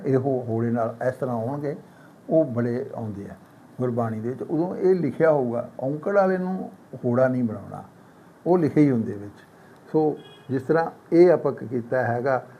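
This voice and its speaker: A man teaching scripture grammar. He recites quoted lines slowly, then explains them and asks and answers his own questions. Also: mid-range voice, a little hiss or hum. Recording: slightly dull, lo-fi sound.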